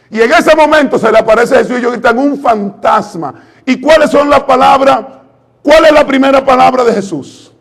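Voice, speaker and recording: A man preaching a sermon to his congregation, fervent and calling them brothers, swinging from hushed to loud. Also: sits high, gravelly. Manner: addresses the congregation directly as brothers.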